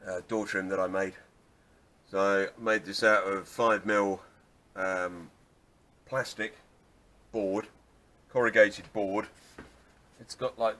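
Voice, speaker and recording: A man's voice: on the low side, sharp tone. A man restoring an old car, talking casually through his work with lots of restarts and wry asides. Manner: rambling, self-deprecating, restarts often. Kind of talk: casual workshop how-to vlog.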